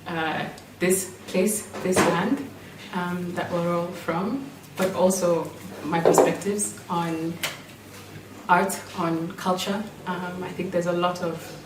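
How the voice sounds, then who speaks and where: Speaking to a group in an indoor room at an in-person meeting, this performer reflects aloud on personal matters in a thoughtful, halting way. She has a Kenyan accent shaped by British schooling and a fairly low pitch with a steady tone. The recording is echoey, from a distant mic, with faint noise.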